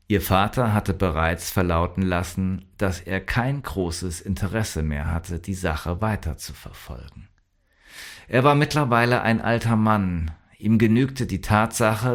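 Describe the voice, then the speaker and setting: A man narrates a crime audiobook in a measured, even reading. His voice sits very low, and he takes his time with each sentence.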